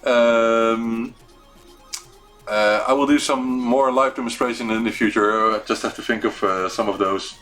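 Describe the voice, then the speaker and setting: A man's voice: mid-range voice, fairly even intonation, measured pace, a bit bright, faint music behind. A man with a Dutch accent hosting an unscripted livestream chat, hesitant and searching for words as he talks. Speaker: host of a weekly retro computing live show.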